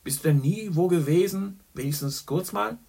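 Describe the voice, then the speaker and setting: Man putting on a loud boastful journalist. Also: high voice, normal speed, gravelly, breathy edge, voice pushed up, exaggerated voice. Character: boisterous worldly male journalist, middle-aged.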